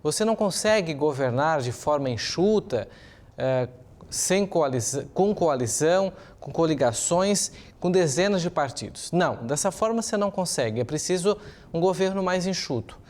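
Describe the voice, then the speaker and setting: Speaking at a moderate pace, a man with a Brazilian accent offers news commentary as a journalist, explaining and giving his opinions. His voice is a little high, animated, and slightly mellow. He poses rhetorical questions in a semi-improvised delivery.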